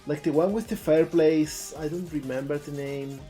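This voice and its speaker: Speaking at a normal speed in a steady, mellow, medium-pitched voice, the streamer talks casually through game trailers. He is a native Spanish speaker whose Andalusian accent marks him as from southern Spain, and music runs behind him.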